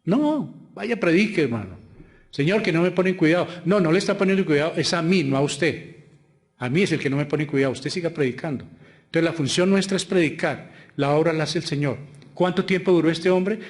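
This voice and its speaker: A pastor with a Colombian Spanish accent gives a brisk sermon in a slightly high voice. Rhetorical questions punctuate his delivery, which alternates loud emphatic lines with quiet asides.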